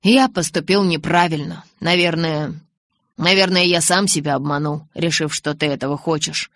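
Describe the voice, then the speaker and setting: Picture a teenage boy from a storybook, half teasing and half hurt, who leans in and won't let a question drop, as a woman narrator voices him. He talks with a low, steady voice and a louder push than the surrounding narration. It is a dry, close recording with no room around it. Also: moderate pace, no echo. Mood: earnest. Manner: pleading, then moping and pressing.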